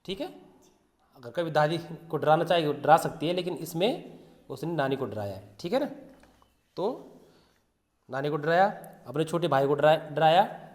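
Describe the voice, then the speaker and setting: Male teacher, slightly high pitch, repeats questions to the class, long reverb. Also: expressive, normal speed, long pauses. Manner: asks repeated questions and answers them himself; acts out sounds like bells and drums. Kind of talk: classroom lesson explaining a textbook.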